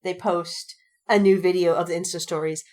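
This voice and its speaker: This podcast co-host has a lowish voice and a moderate pace. In loose fandom conversation she rambles with plenty of "like" and swearing, animatedly reenacting people's reactions as she recounts what happened.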